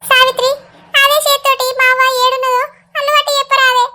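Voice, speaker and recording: A frantic cartoon grandmother with a Telangana Telugu accent begs for help finding her grandson. The voice is extremely high and glaringly bright. She sounds anxious and pleading. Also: flat delivery, fast, full character voice. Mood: worried. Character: worried village grandmother searching for her grandson.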